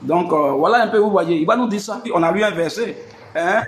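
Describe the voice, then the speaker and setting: A man's voice: sits high, fairly quick, slight background noise. A man hosts a live religious debate, asking rhetorical questions and repeating "hein". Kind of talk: live stream preaching to followers.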